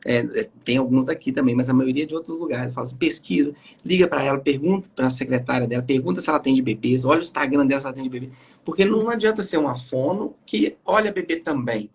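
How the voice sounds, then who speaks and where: A man with a Brazilian Portuguese accent, a pediatrician talking as a guest from his home on a video call. He tells lively stories and acts out what the mothers say. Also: medium pitch, fast, creaky, breathy edge. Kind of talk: casual live chat.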